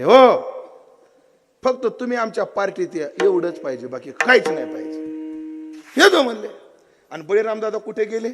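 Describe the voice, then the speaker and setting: A man delivering a devotional kirtan sermon. He tells the story with acted dialogue and quizzes his listeners. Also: high-pitched. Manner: lively storyteller acting out dialogue, quizzing the audience. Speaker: kirtan preacher. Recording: echoey hall with tabla and instruments.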